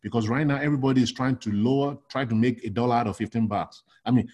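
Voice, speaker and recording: A middle-aged Nigerian logistics consultant talks at a quick pace in a medium-pitched voice, captured on dull-sounding audio. The interview is casual, and he's animated, full of restarts and "you know."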